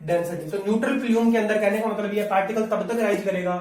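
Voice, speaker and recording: Guy lecturing, high voice, kinda far from the mic in an echoey room. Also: fairly even intonation, fast talker, a little mellow. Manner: conversational, asks rhetorical questions, says "bhaiya". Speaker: teacher. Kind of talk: classroom lecture.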